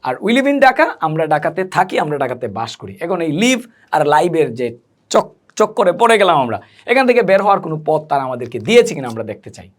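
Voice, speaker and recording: His voice sits on the high side with a sing-song lilt as he teaches spoken English. He goes slowly, spells words aloud, and answers the questions he raises.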